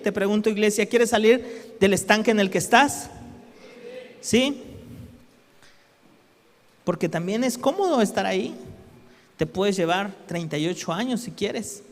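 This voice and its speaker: A high-pitched male preacher delivers a sermon. He keeps it conversational and asks the congregation questions as he goes. His voice carries a long, echoing reverb from the hall. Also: a little slow, long pauses.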